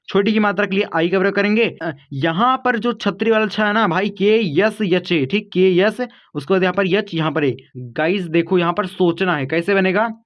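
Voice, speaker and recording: Male teacher, high voice, patient step-by-step explaining, dull lo-fi sound. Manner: patient step-by-step explaining, addresses viewers as kids and guys. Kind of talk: online spelling lesson.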